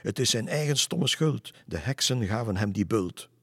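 A man's voice: a little high, brisk, darkish tone, breathy edge, dry recording, clean studio sound, pitched above the performer's own voice. A man voicing a mean, mocking jester who sings his taunts in a storybook. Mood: taunting. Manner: sing-song, taunting.

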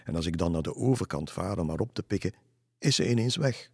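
A man's voice: low voice, animated, a little fast, vocal fry, darkish tone, slightly rough, no room sound, studio quality, heavily acted. A man voicing a lonely middle-aged ferryman, telling spooky stories in a chatty way in a storybook reading.

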